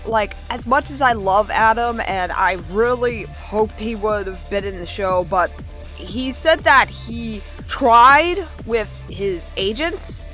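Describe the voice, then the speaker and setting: A young woman vlogger reads out viewer comments and responds to them casually. She is chatty and excitable, with a fairly high-pitched voice.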